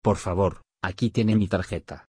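A man reading short phrases one by one for a language lesson, slow and even. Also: low voice, husky, dry recording, studio quality. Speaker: phrase reader.

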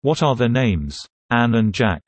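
A man reading short translated phrases for a language lesson in a measured, clear way. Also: mid-range voice, very animated, no echo. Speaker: phrase reader.

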